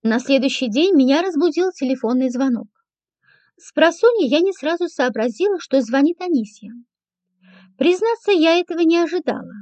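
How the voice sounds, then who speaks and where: A woman narrating a first-person audiobook in a dry, measured manner. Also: high voice, animated, a little mellow, no room sound. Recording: dull lo-fi, dry.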